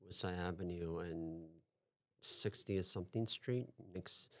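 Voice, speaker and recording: A man in his forties, from Taiwan, answering questions as a podcast guest, with a hesitant, halting way of talking that circles back and repeats itself. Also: sits low, bright, forceful tone. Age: 40s. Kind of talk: podcast interview.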